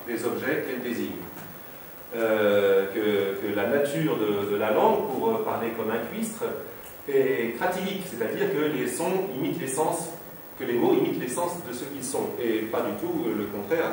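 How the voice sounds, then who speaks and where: A man's voice: medium pitch, a little hiss or hum. A man giving a lecture-performance, speaking hesitantly with many fillers and restarts. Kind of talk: lecture-performance with sound poetry readings. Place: exhibition hall at a foundation. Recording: very echoey hall, distant mic.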